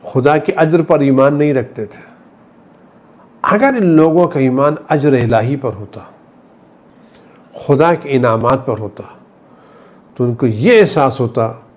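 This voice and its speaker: A man delivering a Friday sermon, telling the story with passion, his voice rising high for emphasis, then dropping low and quiet. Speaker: Shia cleric giving a Friday sermon. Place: studio.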